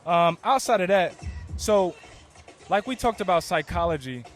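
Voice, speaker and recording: A male podcast host with a high voice and lively intonation interviews a guest outdoors at a busy event, talking at a moderate pace. He is laid-back, full of affirmations and slang, and music plays behind the casual conversation.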